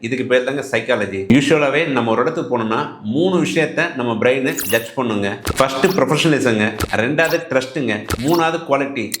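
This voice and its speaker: A man's voice: medium pitch, brisk, a bit bright, a little hiss or hum. Tamil man giving business advice, echoey room. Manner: addresses viewers with rhetorical questions, polite spoken Tamil. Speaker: business coach. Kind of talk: direct-to-camera business advice.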